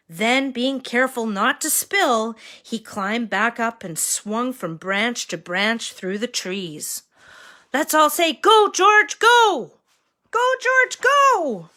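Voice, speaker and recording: A woman reads a children's picture book aloud as if to a toddler, expressively and with an engaging, questioning manner. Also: on the high side. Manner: reading to a toddler, slow and expressive with questions to young listeners. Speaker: children's story reader.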